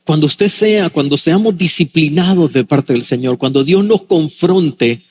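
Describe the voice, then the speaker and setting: A man, a pastor, preaching a sermon with dramatic pauses and acted-out quotes. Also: fairly high pitch, a little mellow, a little hiss or hum.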